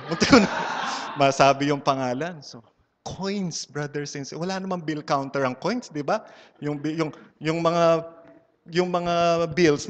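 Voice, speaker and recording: In a large hall full of people at a church community event, a Filipino-accented man delivers a funny testimony, switching between Tagalog and English and ribbing his audience. His voice is fairly high and a bit bright, and the recording carries long hall reverb plus a little hiss or hum.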